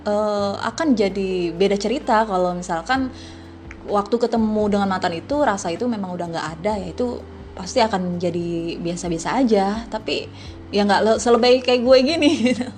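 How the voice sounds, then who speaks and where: A woman's voice: medium pitch, normal speed, a little mellow. Woman podcast host, chatty, giggly, slangy, faint music behind. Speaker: podcast host answering listener questions. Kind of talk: casual podcast Q&A.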